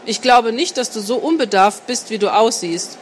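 A woman voices a worldly, self-assured man in an adult audiobook. He talks smoothly and persuasively, with a teasing edge. The voice stays fairly high, with faint noise behind it. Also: animated, normal speed, lightly acted. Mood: seductive. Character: confident seductive grown man, calm and worldly. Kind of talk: audiobook reading.

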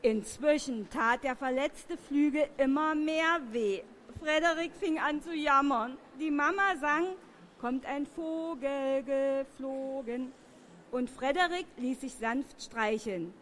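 A woman's voice: high-pitched, slight background noise. A woman reading a children's story aloud to a group, often turning to ask the listeners questions. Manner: slow, lively, asks the children questions.

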